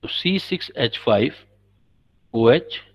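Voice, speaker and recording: A man's voice: mid-range voice, expressive, takes it slowly. A man teaching a chemistry class, patiently explaining and quizzing his students. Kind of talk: classroom lecture. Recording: dull lo-fi recording.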